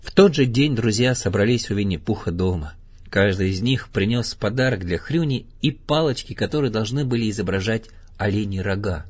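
A man reading a children's storybook aloud as narrator, in a lively storytelling manner. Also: fairly low pitch, fairly quick, slightly rough. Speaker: storybook reader. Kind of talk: scripted narration.

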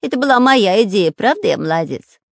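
A reader voicing a touchy, boastful long-nosed male spy in a storybook reading, with a whiny, excitable manner. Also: medium pitch, fairly quick, vocal fry, dry recording, clean studio sound, voice pushed up. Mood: squabbling.

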